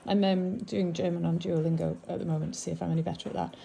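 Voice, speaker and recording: Middle-aged northern English woman sorting antiques on camera, chatty and fond of her finds, warm gravelly delivery. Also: lowish voice, steady tone, fast, slight background noise, rough recording. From England. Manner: chatty, musing aloud, fond of the items. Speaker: antiques seller. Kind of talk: casual narration while sorting antiques.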